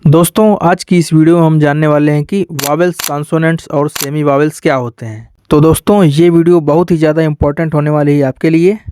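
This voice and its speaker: Male tutor, a touch high and mellow, patient classroom delivery full of rhetorical questions. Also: fairly even intonation, quick pace, few pauses, slight background noise. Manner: patient, repeats points and asks rhetorical questions. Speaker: English teacher. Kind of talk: classroom-style grammar lesson.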